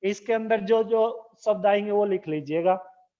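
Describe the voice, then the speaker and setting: A man teaching a school grammar lesson, slowly dictating terms and repeatedly asking the class questions. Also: high-pitched, mellow. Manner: slow, repetitive dictation. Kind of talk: recorded Hindi grammar lesson. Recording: dull lo-fi recording.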